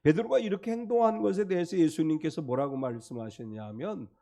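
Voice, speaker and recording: A man's voice: a little high, brisk, creaky, warm tone. A male pastor preaching a sermon, explaining the text emphatically and acting out quotes.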